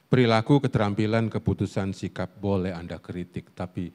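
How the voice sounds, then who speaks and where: A man's voice: fairly low pitch, brisk. A middle-aged man preaching a humorous sermon on family life at a church Sunday service. He tells stories, asks the congregation questions and laughs along with them. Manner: animated storytelling with audience questions and laughter. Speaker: guest preacher and counselor.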